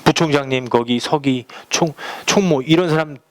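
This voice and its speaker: A man's voice: fairly high pitch, normal speed, no echo. A man pastoring a church, preaching a sermon through personal stories told in a conversational way, acting out the phone calls he describes. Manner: conversational storytelling, acts out quoted phone calls.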